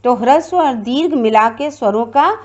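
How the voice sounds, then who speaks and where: A woman's voice: fairly high pitch, animated, moderate pace, a little mellow, dull audio. A woman teacher giving a classroom grammar lecture, explaining step by step and repeating her points.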